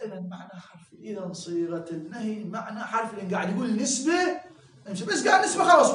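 Iraqi male teacher, high voice, explains patiently and checks for understanding, recorded from a distance. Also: fairly bright tone, reverberant. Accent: Iraqi Arabic. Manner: explains step by step, keeps checking "clear?" and jokes with students. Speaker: seminary teacher. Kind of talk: classroom lecture.

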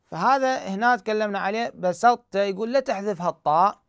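Man teaching recitation, high gravelly voice. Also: fairly quick, no echo, clean studio sound. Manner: explains step by step, asks himself questions and answers them. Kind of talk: tajweed lesson.

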